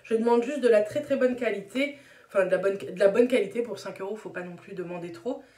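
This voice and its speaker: A woman's voice: medium pitch, fast, dark tone, echoey room. A woman talking through a casual makeup product review, chatty and full of hesitations and repeated words. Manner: chatty, repeats "très, très" and fills with "euh". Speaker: beauty vlogger.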